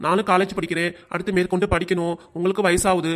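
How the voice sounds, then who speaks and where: A man's voice: high-pitched, level tone, quick pace, fairly bright tone. A man voicing an earnest cartoon college son. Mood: pleading. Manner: earnest, pleading. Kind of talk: cartoon voice acting.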